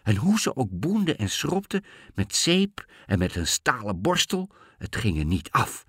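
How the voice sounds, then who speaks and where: A man reading a fairy tale aloud in a lively, expressive way. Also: medium pitch, measured pace, breathy edge, no room sound, clean studio sound. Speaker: storyteller.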